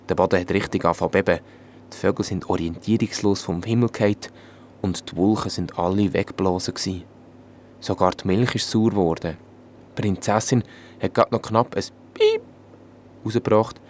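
A man with a Swiss German accent telling a fairy tale in a calm, even manner. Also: deep voice, moderate pace, a little hiss or hum. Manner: calm, even storytelling in dialect. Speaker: storyteller.

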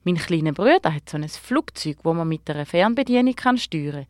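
Casting: a bright, curious young girl with a lilt, lively and higher voiced, as a woman puts her on. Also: moderate pace, dry recording, clean studio sound. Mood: helpful.

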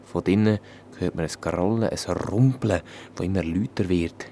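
A man with a Swiss German accent telling a fairy tale in a calm, even manner. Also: deep voice, normal speed, gravelly, slight background noise. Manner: calm, even storytelling in dialect. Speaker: storyteller.

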